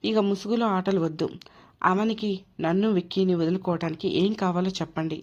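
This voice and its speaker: Woman doing a hard, stubborn husband in an audio drama, blunt and flat, lowish voice. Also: brisk, lightly acted. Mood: firm, cold. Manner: firm, blunt, dismissive. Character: stubborn harsh husband, man, cold and unyielding. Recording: dull lo-fi recording.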